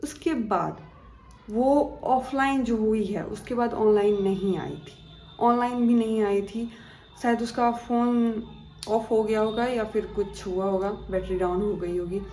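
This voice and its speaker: A young woman tells a spooky school story in a chatty, dramatic way, slipping into the voices of the people in it. Her voice is mellow and soft-edged. The room echoes around her, with a faint hum of ambience behind. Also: mid-range voice, fairly even intonation, unhurried. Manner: chatty, dramatic, acts out quoted dialogue. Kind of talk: casual horror storytime.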